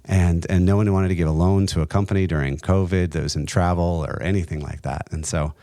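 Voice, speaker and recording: A middle-aged man speaks in a very low voice, recorded close and dry. He tells his story as an interview guest in an earnest, halting way, with many restarts and a few laughs. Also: steady tone, mellow, dry recording. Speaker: guest, entrepreneur and nonprofit co-founder.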